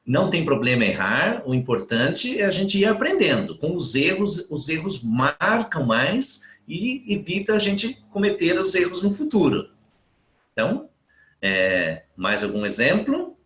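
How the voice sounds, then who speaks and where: A man's voice: on the high side, wildly swooping pitch, a little slow, fairly bright tone, roomy sound. A man teaching German grammar in a live online class, who reads out students' questions and explains each point patiently, step by step.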